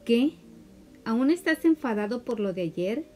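Woman reading as tender young girlfriend, coaxing, a bit higher and brighter than her narration. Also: expressive, a little slow, faint music behind.

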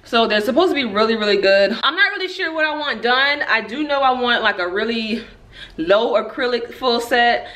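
A woman's voice: on the high side, lively intonation, normal speed, a bit bright. A woman in her twenties chatting candidly to her phone camera, laughing often. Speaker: beauty vlogger. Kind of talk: casual vlog chat. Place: home living room and nail salon. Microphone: phone camera at arm's length.

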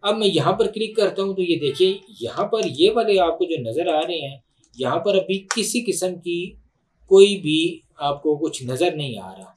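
A man with a Pakistani Urdu accent walks through a software tutorial at his computer, unhurried and thinking aloud with fillers and restarts. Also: a little high, expressive. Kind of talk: screen-recorded tutorial explanation.

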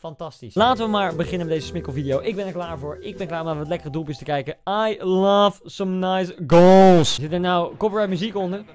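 A young man giving casual, excitable reaction commentary on football goals, swinging between loud outbursts and quiet muttering. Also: fairly high pitch, quick pace, hardly any pauses.

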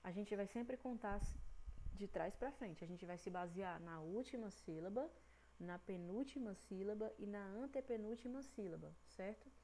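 A woman's voice: medium pitch, lively intonation, mellow, a little hiss or hum, low-quality recording. A Brazilian woman teaching an online grammar lesson to young children, stretching out syllables patiently and checking in often with the class. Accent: Brazilian Portuguese. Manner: patient, drawn-out syllables, frequent "né?" and "certo?" checks. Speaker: primary school teacher.

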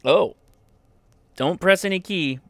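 Sitting at a desk indoors, a radio gear review channel host gives an informal hands-on product review, thinking aloud as he goes. His male voice is high-pitched and slow, with no echo.

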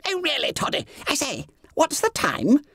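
A man voicing a fat, oblivious schoolboy who stammers and whispers, in a high squeaky voice. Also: huge pitch swings, normal speed, a bit bright, dry recording, studio quality, full character voice. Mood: whispering. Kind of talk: audiobook character voice.

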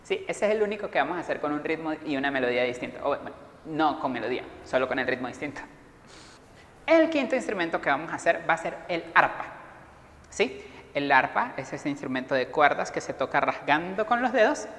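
A woman music teacher giving a lively class to young children, explaining instruments and getting them to join in. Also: deep voice, a little fast. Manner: lively, encouraging, leads children in rhythmic sound imitations. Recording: echoey room with long reverb.

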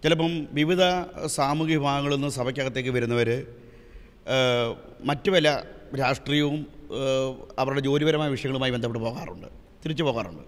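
A man speaking for a church on a discussion panel, explaining at length in a measured way with filler sounds. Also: mid-range voice, big-room sound. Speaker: church spokesman.

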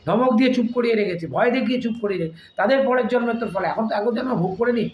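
Emphatic high-pitched man, echoey room. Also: highs cut off, a little hiss or hum. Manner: emphatic, repeats phrases, rhetorical questions; slow, deliberate speech. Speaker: astrologer, channel host. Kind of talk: astrology talk to camera.

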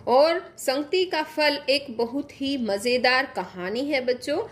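A woman's voice: sits high, slow pace. A woman teacher giving an online class to young children, patiently explaining a story and asking them questions.

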